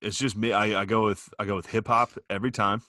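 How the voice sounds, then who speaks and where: A man's voice: lowish voice, flat delivery, fast talker, bright, forceful tone, dry recording, clean studio sound. A man co-hosting a podcast in casual chat, telling rambling, profane stories and laughing often. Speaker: podcast co-host.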